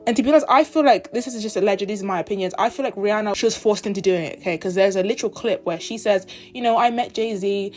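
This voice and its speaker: Rapid-fire and barely pausing, a medium-pitched woman vlogger rants over soft background music. She's 21, from the United Kingdom and Zimbabwe, and her casual opinion piece is indignant and emphatic, full of mimicked quotes from others.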